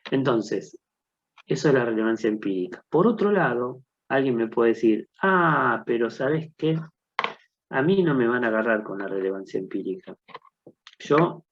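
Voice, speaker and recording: Gravelly man lecturing on methods. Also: medium pitch, a little mellow. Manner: thinks aloud with rhetorical questions and worked examples. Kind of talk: recorded lecture. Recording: dull lo-fi lecture recording.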